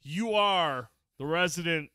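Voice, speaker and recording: A man's voice: a little high, slow pace, clear, resonant tone, no echo, clean studio sound. A man hosting a podcast, telling stories in casual chat with lots of swearing and laughter. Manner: animated, swears freely, laughs often. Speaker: podcast host.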